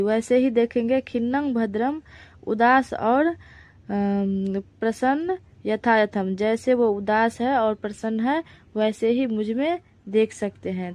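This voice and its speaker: Slow, patient woman teacher, dry sound. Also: fairly high pitch, darkish tone, no echo. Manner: slow, patient, repeats words for pronunciation drill. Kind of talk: Sanskrit lesson explained in Hindi.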